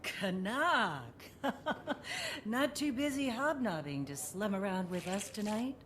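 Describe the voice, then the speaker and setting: Playful game heroine hosting friends, slow, swoopy, affectionate. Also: female voice, mid-range voice, big pitch swings, fairly bright tone, slight background noise. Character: warm, teasing female adventurer hostess.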